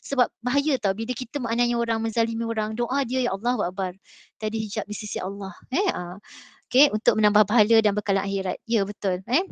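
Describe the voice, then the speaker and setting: On the high side and fast, this woman's voice is captured without echo. She is a middle-aged Malaysian maths teacher on a school panel, relating an earnest personal story as motivation, speaking with a Malay accent and many fillers.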